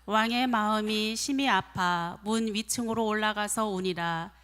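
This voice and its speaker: Female scripture reader, slow measured recitation, smooth voice, long hall reverb. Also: medium pitch, a bit bright. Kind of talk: scripture reading.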